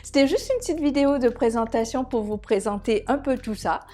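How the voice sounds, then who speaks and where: A woman's voice: a little high, brisk, a little mellow, faint music behind. A woman in her thirties from Mauritius introducing her hair care channel in a casual, chatty way, with frequent hesitations and small self-mocking laughs. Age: 30s. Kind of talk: casual vlog presentation.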